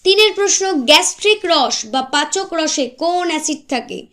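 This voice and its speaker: Woman with a high voice teaching gk facts, quizzes herself then answers, repeats stuff. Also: moderate pace, a bit bright. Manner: asks and answers her own questions, repeats key facts. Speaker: quiz teacher. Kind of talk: exam-prep lesson.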